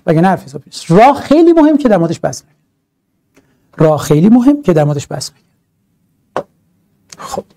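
A male teacher running through grammar points for an exam. His voice sits high, but its tone is dark and mellow. He swings his pitch up and down a lot. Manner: animated, emphatic, drawn-out stresses and rhetorical asides. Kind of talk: exam-prep grammar lesson.

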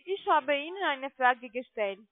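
A call centre agent with a high, animated voice makes a scripted sales cold call in halting German, her non-native phrasing and foreign accent obvious. The line is tinny and narrowband with soft background music and no room sound, and she keeps pressing the customer with questions.

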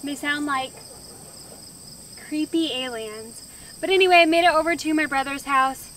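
Walking through an old farm barn, a twenty-something Iowa woman narrates her vlog in a casual, chatty way. Her high, slightly bright voice runs at normal speed, with slight background noise, and the handheld camera sits close to her face.

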